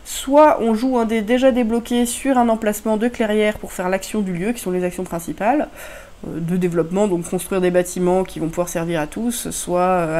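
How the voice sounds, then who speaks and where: A woman's voice: on the low side, warm tone. A woman casually talking through board game rules and her opinion of them, with many hesitations and filler sounds. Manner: hesitant, many "euh" fillers, loose unscripted explaining. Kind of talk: casual spoken review.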